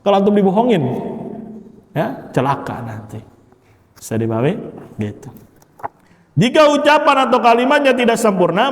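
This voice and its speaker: A man with a fairly high voice teaches Arabic grammar in a mosque hall, firing questions at his class and then supplying the answers himself, quietly and low. The sound is roomy, with a long reverb from the hall. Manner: quizzing, drops to low soft answers after rising questions. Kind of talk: classroom lecture with call-and-response questions.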